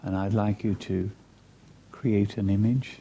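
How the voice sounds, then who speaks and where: A man guides a meditation in a soft, breathy voice, soothing and measured, with long pauses between phrases. His voice sits on the low side and his tone stays steady, with slight background noise in the recording.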